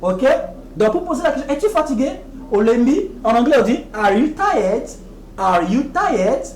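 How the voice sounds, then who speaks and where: A woman giving a televised English lesson, explaining patiently and repeating each English phrase slowly and deliberately. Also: fairly high pitch, big pitch swings, a little mellow, roomy sound, a little hiss or hum, poor audio. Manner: explains patiently, often checking with "ok?". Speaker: English teacher.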